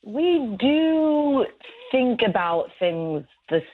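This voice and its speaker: A woman's voice: a little high, big pitch swings, extremely slow. A woman on speakerphone, called into a radio show, talking in a hesitant, rambling way with many fillers. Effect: heard over speakerphone on a phone line. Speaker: radio show call guest. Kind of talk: casual phone chat. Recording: tinny phone line.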